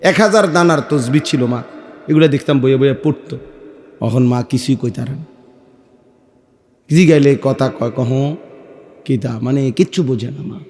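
A middle-aged male Islamic preacher with a Comilla Bengali accent, giving a waz sermon in a light voice after throat surgery, shifting from soft storytelling to loud exhortation. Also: mid-range voice, normal speed, pauses often. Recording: echoey hall, long reverb.

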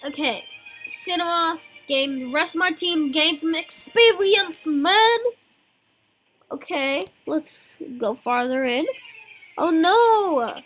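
A young-sounding gaming video host giving excited, exclamation-filled commentary and often repeating words, with game music behind. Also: extremely high pitch, takes it slowly.

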